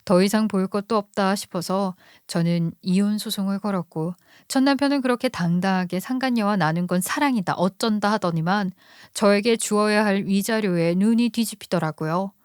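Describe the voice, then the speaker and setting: A woman's voice: medium pitch, moderate pace, smooth, no echo. Woman narrating a story, dry close mic. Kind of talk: scripted first-person story narration.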